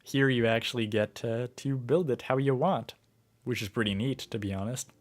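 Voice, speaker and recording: A gaming livestreamer muses aloud through casual gameplay commentary, filling his talk with lots of fillers. He's sick and starting to lose his voice, though it stays steady in tone at a medium pitch and moderate pace.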